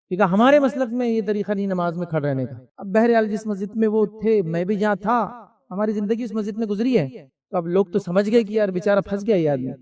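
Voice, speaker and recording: High-voiced man giving a religious talk. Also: a little mellow, distant mic. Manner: conversational, asks and answers rhetorical questions. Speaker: Islamic lecturer. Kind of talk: religious lecture.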